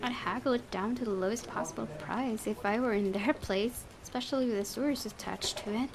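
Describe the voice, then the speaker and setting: A woman hosting a gaming video reads visual novel narration aloud, occasionally stumbling and correcting herself. Her voice is fairly high and brisk, with a crowd audible behind her.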